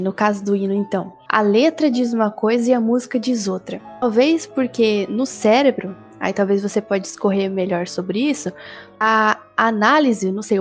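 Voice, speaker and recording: A woman with a slightly high voice puts a careful question to a guest. She thinks aloud in a measured way. Quiet music runs in the background. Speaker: co-interviewer. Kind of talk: interview question.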